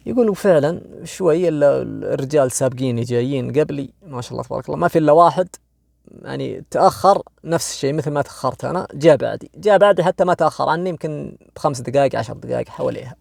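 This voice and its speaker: A young man with a Saudi accent tells a jinn horror tale in a chatty way, often checking in with his listeners and slowing right down for the scary parts. His voice sits a little high and has a gravelly edge. The recording is dry and close, with almost no room sound. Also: a little mellow, no room sound. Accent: Saudi Arabic. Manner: conversational, asks listeners "you know?", frequent restarts; swings between quick asides and slow, dramatic drawn-out phrases. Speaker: storyteller. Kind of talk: retelling a jinn horror story.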